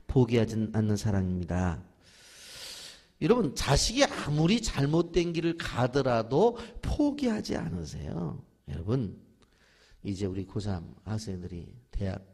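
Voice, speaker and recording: A man's voice: lowish voice, vocal fry, a little mellow, husky. A middle-aged male pastor preaching a dawn prayer sermon, leading the congregation to repeat after him and acting out quoted voices. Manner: preaching with call-and-response to the congregation; acts out quoted voices of children and parents.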